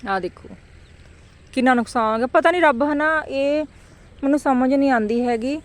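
Lady vlogging outside, highish voice, animated, exclaims a lot, chatty village vlog. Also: normal speed. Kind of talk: casual vlog chat. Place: outdoors by village fields.

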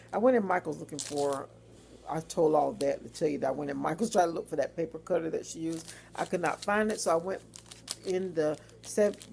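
Woman vlogger, low gravelly voice, casual chatty haul talk, faint hiss. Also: a little mellow. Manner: chatty, rambling, informal with fillers and asides. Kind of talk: casual haul video chat. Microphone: phone or webcam.

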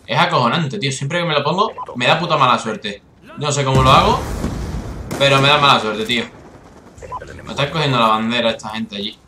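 A man with a Spain Spanish accent giving excitable, swearing live commentary over his own gameplay, with bursts of frustration. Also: mid-range voice, brisk, reverberant, background noise. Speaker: gaming YouTuber.

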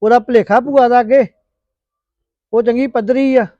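A man's voice: very high-pitched, steady tone, moderate pace, no echo, lo-fi sound. A man playing a poor village farmer and husband who talks in a matter-of-fact way. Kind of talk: homemade village drama acting.

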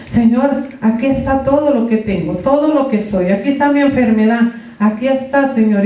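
A woman's voice: high-pitched, darkish tone. A woman giving an earnest, fervent testimony sermon, speaking to the congregation as brothers and sisters. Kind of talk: testimony preaching. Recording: very echoey, from far off.

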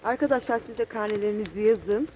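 A woman's voice: medium pitch, fast, a loud crowd. A woman in her thirties, a mother and family vlogger, chatting in a coaxing way to her child and her viewers. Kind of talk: family vlog chat.

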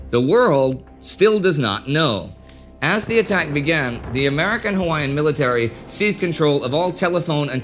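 A man in his thirties hosting a history documentary, reading a script in a measured storytelling manner with direct asides. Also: a little high, bright, forceful tone. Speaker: host. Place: indoor studio set with a desk.

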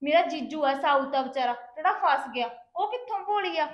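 A woman's voice: high voice, expressive, normal speed, echoey room, dull audio. A woman playing a defensive, chatty younger sister who complains to her husband.

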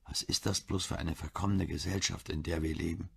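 A weary, bitter husband in his mid-forties, as the male narrator plays him. His voice is very low and creaky. It sounds rough and husky. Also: steady tone, a little fast, a bit bright, exaggerated voice. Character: 45-year-old man, drinking, grieving husband.

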